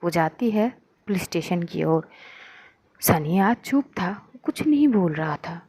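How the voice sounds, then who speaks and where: A woman's voice: fairly low pitch, animated, a little slow, dark tone, breathy edge, dry recording. A woman narrating a romance story in a casual, conversational way.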